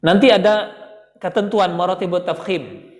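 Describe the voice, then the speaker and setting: A man's voice: high-pitched, moderate pace. A man teaching Quran recitation, patiently repeating letter sounds for his students. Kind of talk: classroom lesson. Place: prayer room. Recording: echoey room with long reverb.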